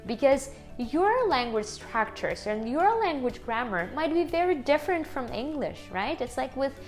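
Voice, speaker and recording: Speaking at a normal pace in a high-pitched, very animated voice, this woman is a YouTuber with a strong Ukrainian accent. She talks casually to her viewers from her home kitchen, cheerful and frequently laughing, while soft music plays behind her.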